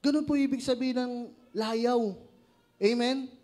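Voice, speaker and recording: A man's voice: very high-pitched, fairly even intonation, unhurried, a little mellow. A man with a Filipino accent preaching a sermon, joking, laughing at his own stories and asking the congregation questions.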